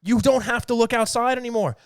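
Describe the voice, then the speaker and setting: A man with a New York accent co-hosting a hockey talk show, animated and excited, quick to laugh and answering his own questions. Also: very high voice, smooth, no room sound, studio quality. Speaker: podcast co-host.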